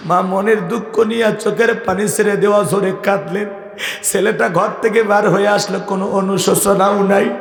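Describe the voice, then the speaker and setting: A man preacher who tells stories in a sing-song sermon style, swinging between high calls and low asides. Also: fairly even intonation, moderate pace, gravelly. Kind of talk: Islamic sermon storytelling. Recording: echoey hall with long reverb.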